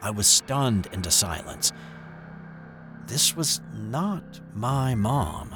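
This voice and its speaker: An older man telling his own eerie childhood story in the first person, hesitant and hushed, with small restarts. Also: fairly low pitch, sing-song, slow, music in the background. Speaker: narrator of a true eerie story.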